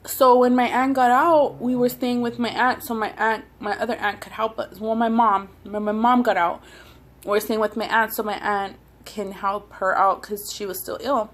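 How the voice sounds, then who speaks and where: A woman's voice: on the high side, little pitch movement, moderate pace. A woman talking casually and chewing as she goes, telling personal stories in a hesitant, rambling way between bites, like a mukbang vlogger. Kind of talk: casual personal storytelling while eating.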